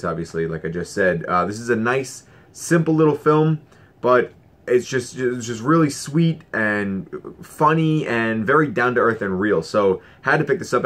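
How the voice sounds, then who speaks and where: A man's voice: on the low side, a bit bright. A man casually vlogging about his Blu-ray collection, enthusiastic and rambling with fillers and restarts. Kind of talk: casual collection haul vlog.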